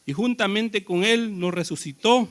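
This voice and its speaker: A man's voice: high voice, measured pace. A man preaching a sermon in a conversational way, telling personal stories and asking the congregation questions.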